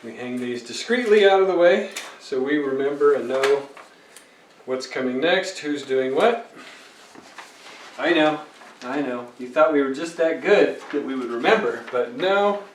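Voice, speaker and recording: A man's voice: mid-range voice, expressive, a little slow, distant mic, slight background noise. A man who reads scripture at services, explaining the setup in a dry, wry, matter-of-fact way. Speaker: scripture reader and service helper. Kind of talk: casual explanation. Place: house set up as a worship studio. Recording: echoey room, voice off-mic.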